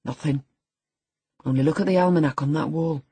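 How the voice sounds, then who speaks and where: A morose, jealous teenage labourer boy played by a woman narrator from a classic storybook. The voice is low and very husky, surly and insistent in its delivery. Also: a little fast, dark tone, dry recording, exaggerated voice. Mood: reproachful. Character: sullen, morose, jealous sixteen-year-old boy, rough farm labourer.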